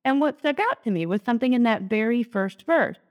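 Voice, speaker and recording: Animated chatty woman co-host. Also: on the high side, fairly quick. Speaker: podcast co-host, Lutheran. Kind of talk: casual lectionary podcast chat.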